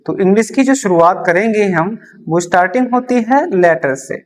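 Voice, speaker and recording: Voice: medium pitch, moderate pace, slight background noise. Teacher repeating key terms. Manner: repeats key terms and answers own questions. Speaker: English teacher. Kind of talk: beginner English lesson explained in Hindi.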